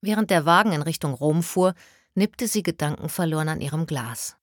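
Woman narrator, low voice, calm storytelling, dry close studio sound, audiobook reading. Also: normal speed, no echo.

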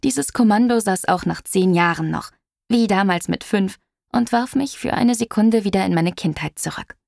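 A woman reading an audiobook story aloud with lively storytelling. Her mid-pitched voice has a gravelly edge, and the recording is dry and close. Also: normal speed, no echo. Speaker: audiobook reader. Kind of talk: scripted audiobook narration.

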